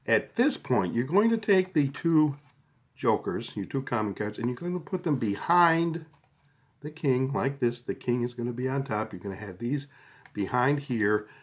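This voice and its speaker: A middle-aged man who teaches card tricks walks through a hands-on tutorial one step at a time, casual and conversational, checking in often along the way. His mid-range voice is animated and breathy-edged, at a normal pace.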